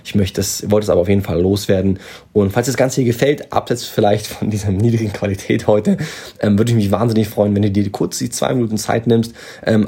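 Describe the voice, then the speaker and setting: A man hosting a fitness podcast in a plain-spoken, motivational way, recorded on poor low-quality audio while on vacation. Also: mellow, slightly rough. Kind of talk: casual podcast monologue.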